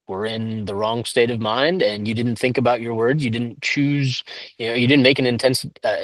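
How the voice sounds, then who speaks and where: A man co-hosting a podcast who talks in a relaxed, earnest way and often restarts his sentences. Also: medium pitch, no echo. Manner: earnest, reflective, with many restarts and fillers. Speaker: podcast co-host. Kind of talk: casual chat.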